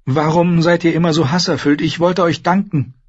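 Timid young noble girl, high and pleading, voiced by a male audiobook narrator, dull dry recording. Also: steady tone, moderate pace. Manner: hesitant, pleading, breathy high voice. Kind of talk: audiobook character voice.

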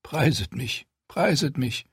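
A man voicing a young, proud and stubborn queen in an audiobook, speaking firmly with a raised pitch. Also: animated, normal speed, darkish tone, slightly rough, no room sound, studio quality. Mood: bitter. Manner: raised pitch, firm commanding delivery. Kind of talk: audiobook character voice.

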